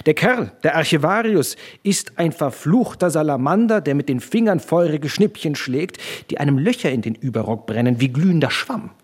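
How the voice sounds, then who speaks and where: Man playing a loud tipsy official guy, blustery, husky. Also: fairly high pitch, expressive, normal speed, hardly any pauses. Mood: blustering.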